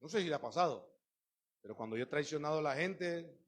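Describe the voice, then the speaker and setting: A middle-aged man preaching a sermon, emphatic and swinging between loud outbursts and hushed asides. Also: fairly high pitch, animated, brisk.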